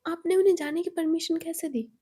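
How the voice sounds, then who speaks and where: A woman's voice: extremely high pitch, fairly even intonation, fairly quick, warm tone, voice pushed up. A woman voicing a protective, worried young woman who speaks in an earnest, pleading way.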